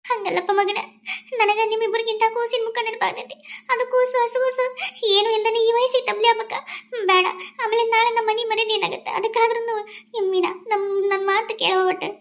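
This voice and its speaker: A woman voicing a soft-hearted elderly mother in a cartoon, pleading in a high quavering voice with a North Karnataka accent. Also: steady tone, fairly quick. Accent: North Karnataka Kannada.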